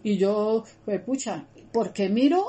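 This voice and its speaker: A woman's voice: mid-range voice, takes it slowly, warm tone. A woman teaching a Bible study in an earnest, conversational way, repeating her words and speaking straight to her listeners. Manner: earnest, repetitive, addresses listeners directly.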